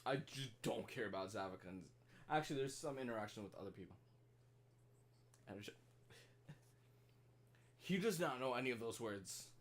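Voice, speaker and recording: Slangy young man with lively pitch. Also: moderate pace, long pauses, slight background noise. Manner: slangy, swears, laughs often. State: hiccuping. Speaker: reaction streamer. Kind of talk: casual reaction commentary.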